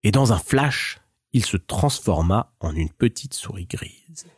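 Male fairy-tale narrator, unhurried with lively pitch, dry close sound. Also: breathy edge, dry recording. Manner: measured, expressive. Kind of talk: storybook narration.

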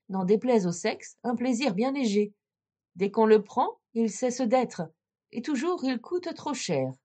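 A woman storyteller reading a classic fairy tale in a measured, expressive way. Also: fairly high pitch.

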